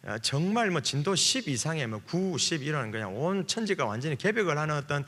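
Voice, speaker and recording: A man's voice: fairly high pitch, big pitch swings, brisk, a bit bright. A male pastor from Busan with a Gyeongsang accent, preaching at a revival service in a chatty, joking way with many fillers. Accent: Gyeongsang Korean. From Busan, South Korea. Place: church sanctuary. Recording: long hall reverb from church PA.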